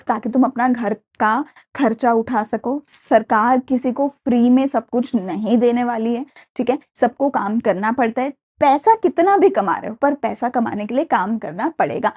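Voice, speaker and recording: A young woman with an Indian accent delivers a recorded classroom lecture. Her voice sits high yet sounds mellow and soft-edged. She explains patiently, asking rhetorical questions and checking in with her students. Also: breathy edge. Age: young adult. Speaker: teacher.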